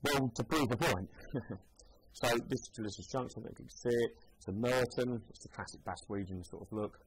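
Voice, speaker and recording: A man's voice: medium pitch, a little fast, a little hiss or hum, poor audio. A man, a shoe seller giving a casual, chatty demonstration and thinking aloud as he goes. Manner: chatty, thinking aloud while trying on shoes.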